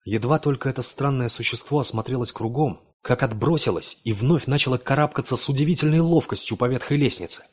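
Male narrator, husky timbre, measured dramatic horror reading. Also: medium pitch. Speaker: audiobook narrator.

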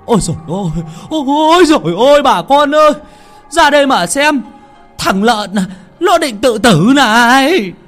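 A man voicing an older village man with a booming, loud voice who stammers when flustered. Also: big pitch swings, normal speed, faint music behind, natural voice. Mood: panicked.

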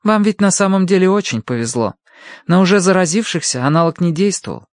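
A man voicing a brisk, businesslike young woman nurse. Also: high-pitched, expressive, no echo, clean studio sound, voice pushed up. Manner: quick, businesslike.

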